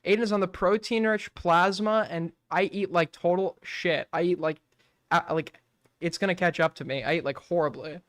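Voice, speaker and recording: This man in his twenties has a high, slightly bright voice with fairly even intonation and normal speed, recorded studio-quality with no echo. During casual late-night stream chat he rambles on, swears a lot and keeps dropping "like".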